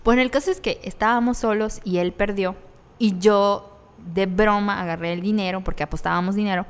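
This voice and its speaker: A young woman with a Mexican accent tells her story in candid, slangy chat, laughing now and then. Her voice is smooth and resonant, and a long reverb rings around it. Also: mid-range voice, steady tone, a little fast. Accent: Mexican Spanish. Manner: candid, laughs through hard memories, slangy. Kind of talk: casual conversational storytelling.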